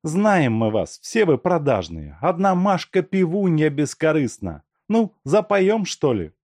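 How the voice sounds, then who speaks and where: A man's voice: a little high, sing-song, measured pace, darkish tone, no echo, clean studio sound, pitched above the performer's own voice, full character voice. A man reading an audiobook, voicing a brash, bossy young vagabond woman who squabbles with everyone.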